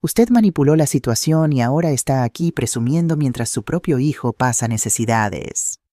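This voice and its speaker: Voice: mid-range voice, expressive, normal speed, dark tone, close to an everyday voice. A storyteller voicing a scheming young woman who speaks with thinly veiled venom. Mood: sneering. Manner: mocking, accusing.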